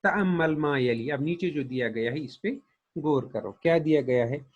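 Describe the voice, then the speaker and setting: Man w teaching grammar, husky voice, kinda dull lo-fi sound. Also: on the high side, moderate pace. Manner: patient, repeats each example, then translates it. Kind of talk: explaining a lesson.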